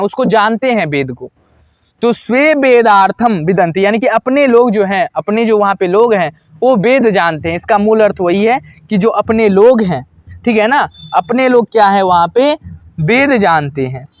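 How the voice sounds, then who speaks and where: A man teaching a Sanskrit grammar lesson, who asks questions and answers them himself and repeats each example slowly. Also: high-pitched, lively intonation, no room sound, highs cut off.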